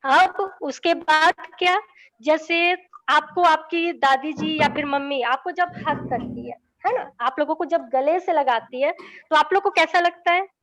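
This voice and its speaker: A woman's voice: high voice, unhurried, fairly bright tone. A young woman giving a lesson to children, in a coaxing, patient way, checking after nearly every sentence that they follow. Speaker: children's teacher.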